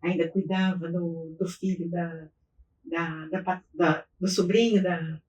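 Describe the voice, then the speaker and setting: A woman's voice: lowish voice, fairly even intonation, slow pace, a little mellow, echoey room, far from the mic, highs cut off, slight background noise. A middle-aged woman from Minas Gerais, Brazil, chatting as a podcast guest about her life and often restarting her sentences. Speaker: guest, business owner. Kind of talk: interview storytelling.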